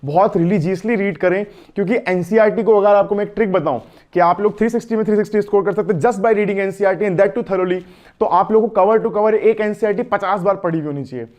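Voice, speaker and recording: A male biology teacher with an Indian accent gives an exam-prep lecture in a fairly high voice. He talks in a chatty way, drifts between Hindi and English and keeps asking his students questions. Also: fast talker, a little mellow.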